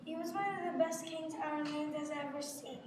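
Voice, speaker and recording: A very reverberant stage-play recording picked up from a distance. A woman plays a young prince, kind and determined, in a high voice with earnest, declarative lines. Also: fairly even intonation, moderate pace, natural voice. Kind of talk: amateur stage play acting. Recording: echoey noisy hall, distant mic.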